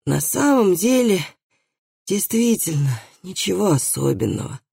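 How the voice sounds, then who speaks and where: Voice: medium pitch, animated, takes it slowly, a little mellow, no echo, clean studio sound. A reader voicing a frightened man, an executioner's helper, who answers in a weak, faltering voice. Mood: uneasy.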